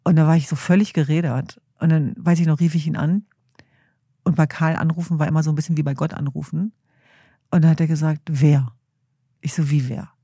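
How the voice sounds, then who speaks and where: A woman's voice: low voice, steady tone, quick pace, dark tone, slightly rough, no room sound, studio quality. A middle-aged woman, a guest in an interview, telling her story in an earnest, reflective way. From Germany. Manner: earnest, storytelling, acts out quoted family voices.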